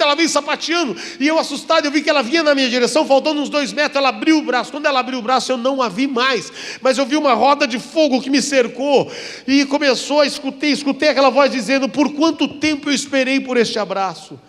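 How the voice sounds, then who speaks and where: A Brazilian man, a pastor, preaching a dramatic testimony sermon, acting out voices and swinging from hushed to loud. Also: very high-pitched, long reverb tail. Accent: Brazilian Portuguese. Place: church.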